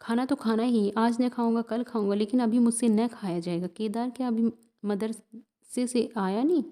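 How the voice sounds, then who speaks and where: A woman's voice: on the high side, fairly even intonation, normal speed, mellow, natural voice. Woman voicing a brooding young village man. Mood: sullen. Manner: curt, sullen retorts.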